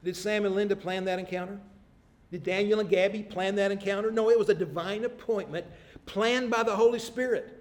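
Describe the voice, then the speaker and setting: A man's voice: sits high, fairly even intonation, fairly quick. A man preaching a sermon, telling stories in an earnest way and shifting his emphasis. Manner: storytelling, earnest, varies emphasis.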